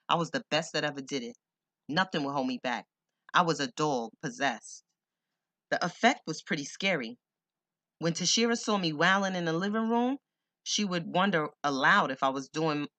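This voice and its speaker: A man's voice: on the high side, bright, forceful tone, no room sound. A man reading a first-person memoir audiobook in a blunt, streetwise, profane way. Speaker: audiobook narrator.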